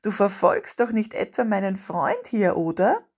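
Cool older boy, calm and protective, slightly husky, read by a woman narrator. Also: mid-range voice, unhurried, full character voice. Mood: coolly threatening.

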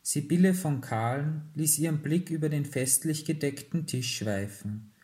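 A man calmly reading a Christmas story aloud as narrator. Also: on the high side. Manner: calm, measured.

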